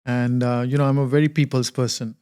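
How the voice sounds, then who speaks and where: A man's voice: mid-range voice, little pitch movement, quick pace, a little mellow, clear, resonant tone. A man from India, an eager guest in a casual interview. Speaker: hotel manager, guest.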